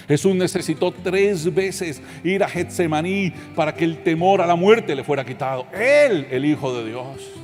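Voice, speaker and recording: A male pastor from Colombia preaching with fervent intensity, his somewhat high voice climbing into shouted peaks. The sermon rings through a large church hall with a long reverb. Soft music plays beneath him. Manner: impassioned, builds to shouted crescendos.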